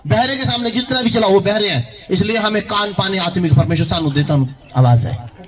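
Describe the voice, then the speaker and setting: A male pastor with a high voice preaches a sermon, questioning the congregation and calling out hallelujah. The recording has loud background noise. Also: fairly quick, over a noisy crowd. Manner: preaching with rising calls of hallelujah and thank you Jesus.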